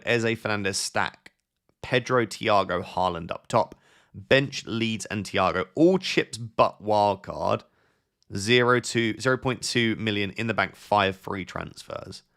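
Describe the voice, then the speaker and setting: Viewer messages get read out and answered right away by a young man chatting casually on a live stream. His voice is low and gravelly, and he thinks out loud, full of fillers and restarts.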